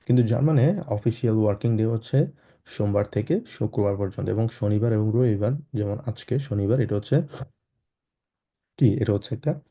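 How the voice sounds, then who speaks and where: Man, low voice, very dark tone, slightly sick, throat-clearing, patient teacher repeating words. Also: a little fast, lo-fi sound. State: unwell, clearing throat often. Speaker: German language teacher. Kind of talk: online class lesson.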